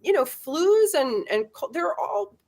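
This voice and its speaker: A middle-aged woman guest in a casual interview, chatty and animated, laughing often and tagging her points with "right?". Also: extremely high pitch, measured pace.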